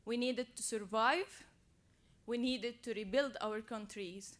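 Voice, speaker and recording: A young woman from Syria, a youth advocate, giving an earnest, measured prepared speech. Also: on the high side, a bit bright.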